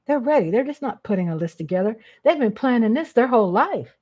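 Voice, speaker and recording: A woman's voice: a little high, expressive, a little fast, a little mellow, husky. A woman hosting her own live-stream vlog, speaking off the cuff in a blunt, emphatic way with casual swearing. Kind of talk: unscripted live commentary.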